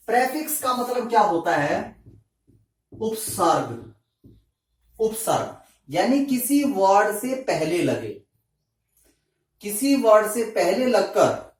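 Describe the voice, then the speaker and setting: Slow, echoey male grammar teacher. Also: high-pitched. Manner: rhetorical questions, answers them himself; slow, deliberate explaining. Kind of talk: classroom lesson in Hindi. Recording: echoey room, mic at a distance.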